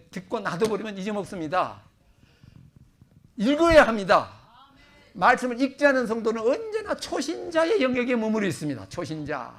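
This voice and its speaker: Brief: middle-aged pastor from Korea, slightly high voice with a gravelly edge, conversational sermon with loud bursts of emphasis. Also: male voice. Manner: chatty, self-joking preacher with sudden loud emphasis. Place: church sanctuary.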